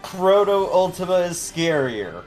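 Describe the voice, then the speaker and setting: Slow, playful friend on a call. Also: mid-range voice, sing-song, a little mellow, soft background music. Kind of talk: casual banter.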